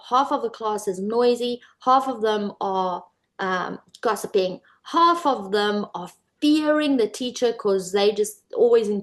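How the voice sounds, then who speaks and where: Middle-aged woman coach, coaxing, asks viewers questions, mid-pitched voice. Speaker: manifestation coach. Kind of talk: instructional video talk. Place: indoors, by a whiteboard.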